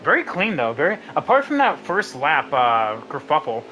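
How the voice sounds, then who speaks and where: A young man who sounds sick provides casual live commentary on an online sim race, his speech packed with fillers, and he gets excited as the race finishes. His voice is on the high side at a moderate pace, with slight background noise.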